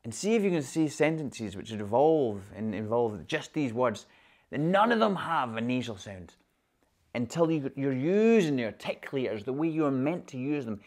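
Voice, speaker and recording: A man's voice: medium pitch, very animated, normal speed, a little mellow. A man from Glasgow with a Glaswegian Scottish accent, coaching viewers on their voice in an online lesson and saying example words aloud to show them. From Glasgow, Scotland. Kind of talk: online instructional video.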